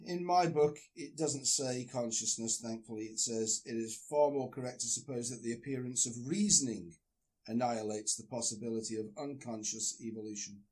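A man's voice: mid-range voice, moderate pace, darkish tone. A man on a call, discussing a book in a casual chat and breaking into emphatic, swearing rants. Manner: ranting, emphatic, swears freely. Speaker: discussion partner.

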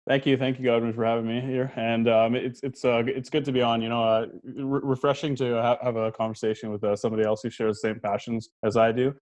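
A man's voice: medium pitch, level tone, quick pace, few pauses, a little mellow. A man, a guest on a casual podcast, speaking hesitantly with many ums, uhs and restarts and frequent chuckles. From Canada.

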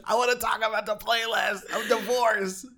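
A man hosting a casual podcast chat, playful and quick to laugh. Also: sits high, flat delivery, creaky, over a noisy crowd. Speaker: podcast host.

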